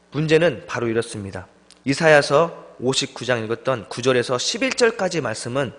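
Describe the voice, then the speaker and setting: A young man preaching a sermon as a junior pastor, telling stories with lively delivery and acting out the voices of friends. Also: mid-range voice. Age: young adult. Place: church sanctuary. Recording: long church hall reverb.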